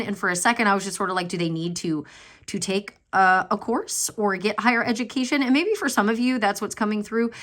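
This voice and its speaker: A woman's voice: mid-range voice, a bit bright. A woman giving a channeled tarot reading at home, rambling and chatty with many fillers, apologizing and laughing nervously. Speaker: tarot card reader. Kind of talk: channeled pick-a-card reading.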